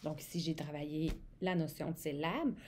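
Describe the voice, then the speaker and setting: A woman's voice: low voice, moderate pace, a little mellow, slight background noise. A woman, an educational support worker giving a demonstration lesson on reading aloud to young children, stretching words as if speaking to them.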